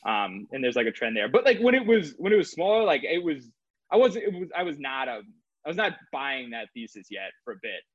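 Casual male guest, rambling and filler-heavy, mid-pitched, dry and slightly muffled sound. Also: very animated, fairly quick, no echo. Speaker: guest, crypto trader. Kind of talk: casual interview talk.

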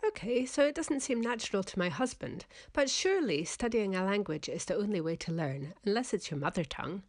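Mid-pitched woman telling a personal story. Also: lively intonation, brisk. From Scotland and England. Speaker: researcher and podcast storyteller. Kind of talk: personal audio essay and interview.

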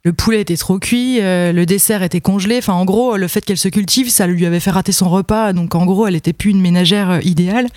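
A woman's voice: medium pitch, quick pace, hardly any pauses, a little mellow, no room sound, clean studio sound. A woman in her thirties with a slight Franche-Comté accent, chatting frankly and laughing often as a podcast guest. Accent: Franche-Comté French, slight. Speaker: guest, comics author. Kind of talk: casual podcast chat.

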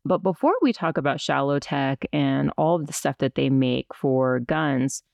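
A woman hosting a podcast in casual chat, with a creaky voice and a stiff, barely moving mouth as if numb from the dentist. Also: rumbling low, a little slow, a little mellow, no echo. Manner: stiff-mouthed speech, numb-jawed after dental work. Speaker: podcast host.

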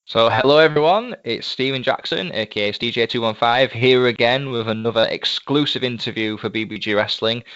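A man's voice: on the low side, fairly bright tone, smooth, no room sound, muffled recording. A man hosting a casual interview, speaking in a polite, wordy, effusive way. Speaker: podcast host, interviewer. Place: indoors at a desk.

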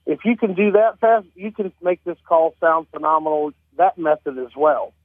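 A man's voice: fairly high pitch, steady tone, normal speed, slightly rough, no echo. A man from Missouri, a radio guest explaining things in a plainspoken, informal interview chat. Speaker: guest, game call maker. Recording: thin telephone line.

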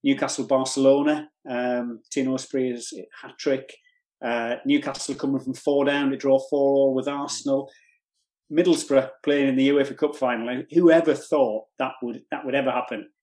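An older man from North East England chats as a podcast guest and tells long stories. He restarts his sentences often and keeps a casual, unhurried tone. His pitch sits in the middle of the male range. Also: flat delivery, a little mellow. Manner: rambling storyteller with many restarts. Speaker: guest, regional TV presenter.

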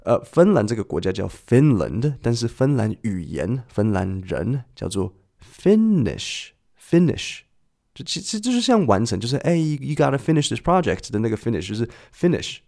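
A man's voice: medium pitch, big pitch swings, normal speed, gravelly, few pauses, warm tone. A man hosting a podcast listening lesson, patiently explaining and asking the listener questions in a conversational way. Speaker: podcast host and English listening teacher.

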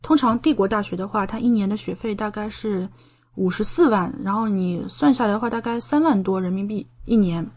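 Speaking fairly quickly in a mid-range, darkish voice, this Chinese woman is a guest on a podcast interview. She's doing a doctorate in medicine in Japan and explains things at length in a casual, talkative way, giving many examples.

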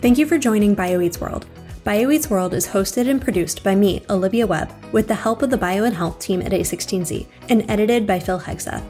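A woman hosting a podcast reads a prepared outro and notices. Her voice sits at a middle pitch, with music playing behind it. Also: a little fast, warm tone. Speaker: podcast host and producer. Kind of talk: scripted podcast outro and disclaimer read. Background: background music.

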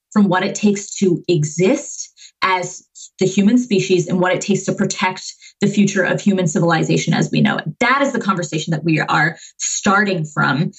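A woman in her twenties from Massachusetts, a climate organizer talking passionately and quickly in a podcast interview, with many fillers. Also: on the low side, slightly rough, dull audio. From Massachusetts, USA. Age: 20s. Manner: passionate, fast, with frequent fillers. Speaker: climate movement organizer, guest.

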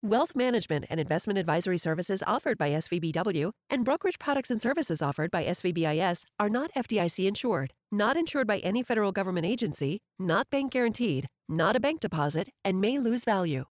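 In a clean studio recording without room sound, a woman reads the scripted legal disclaimer for a financial podcast in a formal, precise manner. Her medium-pitched voice has lively intonation and moves quickly with few pauses.

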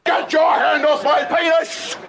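A man's voice: extremely high pitch, little pitch movement, measured pace, creaky. An Australian man protesting indignantly in a noisy outdoor video clip.

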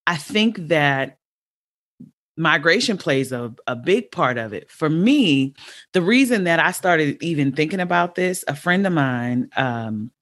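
A woman in her forties hosting a podcast, chatting casually and thinking aloud, with many restarts and sudden jumps up in pitch. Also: expressive, unhurried, fairly bright tone. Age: 40s. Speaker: podcast host and educator. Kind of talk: casual conversational interview.

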